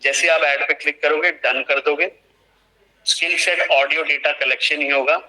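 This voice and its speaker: Bright-voiced man teaching online. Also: fairly high pitch, steady tone, normal speed, low-quality recording. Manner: explanatory, repeats and restates instructions. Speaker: online trainer. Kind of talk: live screen-share training session.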